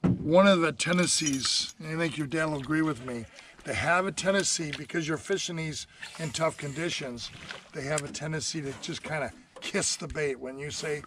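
An older man acting as a fishing guide gives casual tips from a small boat on a river, folksy and peppered with "you know." His voice is fairly high and moderately paced, caught from a distance by an action camera on the boat, whose outdoor mic picks up noise.

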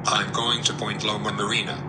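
A man giving simple running narration for an animated video. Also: lowish voice, fairly quick. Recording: loud vehicle-like background noise.

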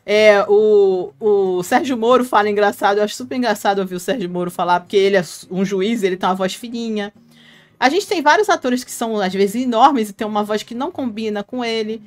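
A woman's voice: medium pitch, lively intonation, fairly quick. A Brazilian woman hosting a casual live stream, reading viewer comments aloud and chatting to fans by name, laughing often. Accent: Brazilian Portuguese. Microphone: headphone mic.

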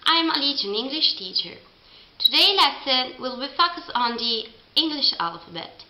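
A young Italian woman with an Italian accent, an English teacher giving a beginner lesson and repeating each letter slowly. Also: sits high, very animated, bright, forceful tone. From Italy. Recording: roomy, dull lo-fi home recording.

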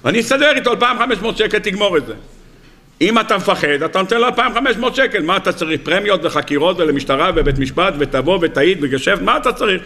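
A man voicing a smooth-talking male street hustler who pushes a quick deal in a fast, wheedling pitch. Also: lively intonation, sharp tone, heavily acted.

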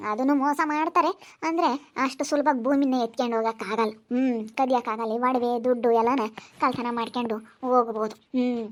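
A woman's voice: on the high side, a little hiss or hum, natural voice. A woman playing a chatty village mother who gossips and lectures. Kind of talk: village family drama acting.

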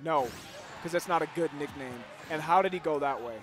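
A man giving playful, joking commentary on a video game tournament, excitable and bantering. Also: on the high side, a little fast. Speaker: esports commentator. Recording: loud music underneath.

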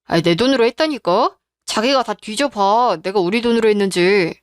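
A woman's voice: medium pitch, normal speed, no echo, clean studio sound, natural voice. A woman voicing a defensive, stubborn husband who talks in a curt, dismissive way.

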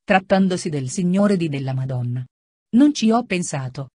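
A woman's voice: lowish voice, lively intonation, moderate pace, warm tone, husky, no room sound, clean studio sound. A woman reading an audiobook, voicing a young, humble peasant woman who speaks timidly and earnestly.

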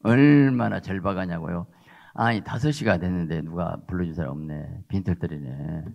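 An older man preaching with emphasis, pressing his points with questions to the congregation. His voice is low and gravelly. The recording sounds dull and lo-fi. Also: moderate pace. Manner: emphatic, repeats rhetorical "어?" tags. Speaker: pastor. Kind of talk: sermon.

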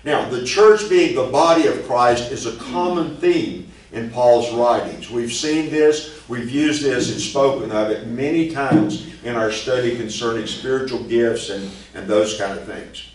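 An older pastor teaches a sermon from the Bible at a medium pitch, slow and earnest, gesturing as he speaks into a stand microphone in a church meeting room. He is filmed from a distance, and the very echoey room, far-off mic and noise shape the recording.

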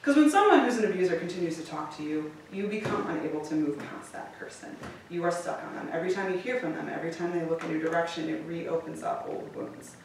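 A woman's voice: on the low side, fast talker, creaky, few pauses, slight background noise. A woman telling a personal story to a live audience, candid and swearing freely, laughing often. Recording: echoey room from a distance.

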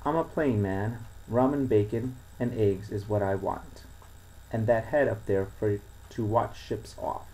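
A man voicing a fierce, coarse old sea captain who talks in a rough seafaring dialect. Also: on the low side, unhurried, mellow, lightly acted, rough recording. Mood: gruff. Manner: gruff, rustic seafaring dialect.

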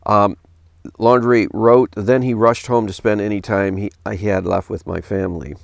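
A middle-aged pastor speaking as a commentator reads through a news article from his home office desk, breaking off to challenge it in an earnest, questioning way. His voice is creaky and moderately paced, quoted passages come out lower and flatter, and the recording is studio quality with no echo.

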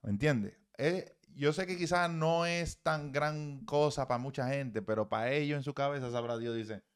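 A man's voice: mid-range voice, normal speed, clean tone. A man, a baseball hitting coach, giving blunt, profane, emphatic swing-analysis commentary.

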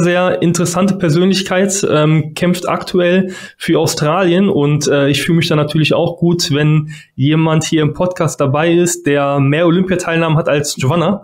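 A man co-hosts a podcast over a video call, speaking into a mic at home. His voice sits a little high for a man, and he talks loosely, with many fillers and self-corrections. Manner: rambling, many fillers and restarts. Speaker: podcast co-host. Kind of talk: casual interview hosting.

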